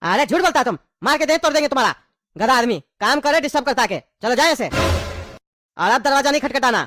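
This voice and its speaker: A woman's voice: high-pitched, lively intonation, fairly quick, a bit bright, no room sound. A woman playing a suspicious, miserly father in a comedy skit, with an irritable, grumbling manner. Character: secretive miserly father hiding cash.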